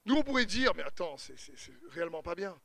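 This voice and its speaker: A man preaching a sermon, retelling a scripture story with humor and lively asides. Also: high voice, fast talker, gravelly, no room sound.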